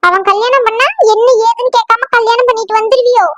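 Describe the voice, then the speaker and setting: A performer with a childlike, squeaky voice, voicing a scolding, excitable mother-in-law in a cartoon family comedy. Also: fast talker, no room sound. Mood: angry scolding. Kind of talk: exaggerated cartoon comedy voice acting.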